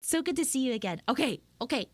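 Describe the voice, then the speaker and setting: Speaking fast in a high, lively voice with no room sound, this woman streams as a VTuber. She spins informal, exclamation-filled stories and roleplays live with her audience.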